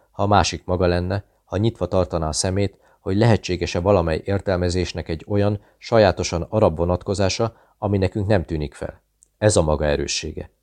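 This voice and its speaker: A man reading a thriller novel aloud, voicing the dialogue within his steady, measured narration. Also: low voice. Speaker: audiobook narrator. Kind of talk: scripted narration.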